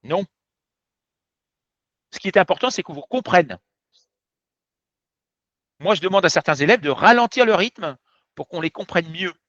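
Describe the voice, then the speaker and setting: A man's voice: sits high, expressive, unhurried, pauses often, a bit bright, dry recording. A man teaching as a French teacher, giving an explanatory lesson in a direct, emphatic way that speaks straight to viewers. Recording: dull, slightly muffled sound.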